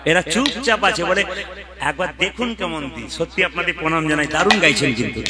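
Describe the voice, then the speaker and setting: A man with a Bengali accent leading a village kirtan, chatting and teasing the crowd between loud chanted calls. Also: fairly high pitch, lively intonation, a little fast. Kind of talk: live devotional kirtan with call-and-response chanting. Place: outdoor village gathering with an audience. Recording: live music over a PA.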